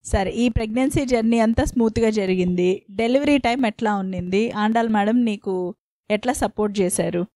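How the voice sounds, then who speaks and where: A woman's voice: medium pitch, moderate pace, warm tone, no echo. A woman interviewing a patient with leading questions.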